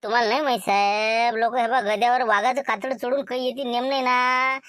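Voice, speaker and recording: A man's voice: very high-pitched, steady tone, brisk, pushed and bright, dry recording, clean studio sound. A man with a Varhadi Marathi accent playing a sly scheming undercover servant in a village comedy sketch, wheedling and sprinkling his talk with little fillers. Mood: boastful.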